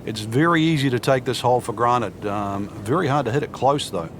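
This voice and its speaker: A man's voice: medium pitch, brisk, natural voice. A man speaking as an easygoing golf commentator, giving informal expert analysis with hesitant phrasing. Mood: relaxed, analytical. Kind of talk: conversational broadcast golf commentary. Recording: crowd and outdoor noise behind. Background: crowd, outdoor ambience.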